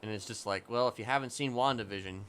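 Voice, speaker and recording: Over a noisy background, a live streamer with a mid-range voice chats casually during a game livestream. He talks quickly, rambling and hedging in a conversational way.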